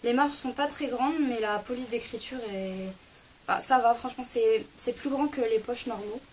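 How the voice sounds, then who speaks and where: A young book vlogger, her voice a little high but darkish in tone, chats on camera through a casual book haul. She hesitates often and corrects herself quickly, and the rough recording carries a faint hiss underneath.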